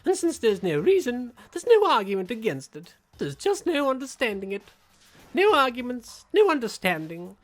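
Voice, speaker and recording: Young female game villain, acted by a woman: coldly satisfied, taunting, theatrical, wide pitch swings. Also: lively intonation, a little fast, lightly acted. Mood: cold satisfaction. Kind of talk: acted video game dialogue.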